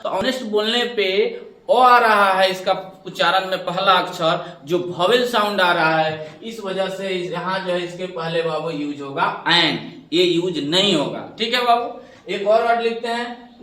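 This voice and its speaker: This teacher has a high voice, pushed and bright, with fairly even intonation and normal speed. He breaks down an English grammar lesson step by step, calling students "babu" and answering his own questions, recorded from a distance in an echoing room.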